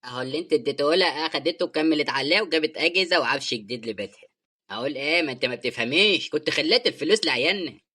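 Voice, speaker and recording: Guy doing bossy egyptian husband obsessed w money, sharp bright voice, rattles off fast. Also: on the high side, expressive, slightly rough, exaggerated voice. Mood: scolding. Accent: Egyptian Arabic. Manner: blunt, impatient, lecturing. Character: pushy money-minded husband, impatient and blunt. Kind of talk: animated drama dialogue.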